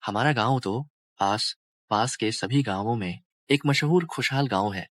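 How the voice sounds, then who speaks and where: A man's voice: medium pitch, unhurried, fairly bright tone, dry recording, natural voice. A man voicing a fawning, boastful village chief eager to impress an official. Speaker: dubbing actor. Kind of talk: Hindi drama dub.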